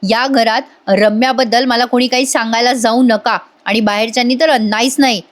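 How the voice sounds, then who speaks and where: A quick-tempered young husband from a TV drama, read aloud by a woman argues his case and will not back down. The voice stays a fairly high, everyday female voice with no change in timbre. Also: fairly even intonation, lightly acted. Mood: indignant.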